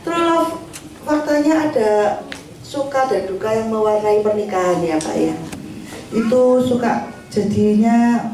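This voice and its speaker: A woman moderating a question session, chatty and quick to laugh at herself. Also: a little high, noisy background. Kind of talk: event hosting. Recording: echoey hall, voice from far off.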